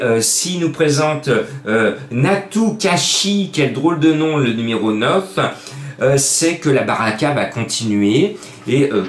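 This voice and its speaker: A man's voice: mid-range voice, reverberant. A man giving horse racing betting tips in a chatty, rambling, joking way with many fillers. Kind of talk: casual betting tips video.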